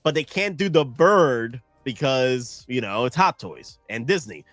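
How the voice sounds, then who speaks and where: His mid-range voice has a sing-song quality and measured pace, fairly bright with no echo and faint music behind. He's a sleep-deprived man in his thirties from the United States with a Southern accent, chatting loosely on a live stream with restarts and asides to viewers.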